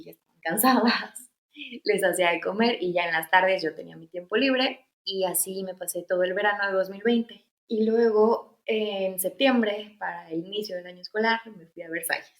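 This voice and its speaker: As a guest in an interview, a thirtysomething Mexican woman shares her experiences in a relaxed, storytelling way, peppered with fillers and restarts. Her voice is lowish, her pace moderate, and her Mexican Spanish accent comes through in a reverberant recording.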